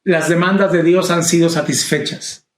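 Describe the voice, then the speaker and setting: A man's voice: on the high side, steady tone, normal speed, roomy sound. A man preaching a Bible study sermon, repeating key phrases with emphasis and calling the listener brother. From Latin America.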